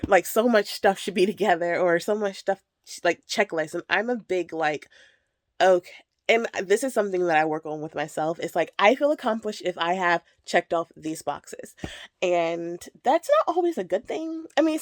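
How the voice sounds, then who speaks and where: A thirties-aged woman with a lowish, darkish voice, slightly nasal from a cold, vlogs from a child's bedroom as she packs clothes. It's a casual, rambling chat full of laughter, "like" and "um". The audio is clean studio sound with no echo.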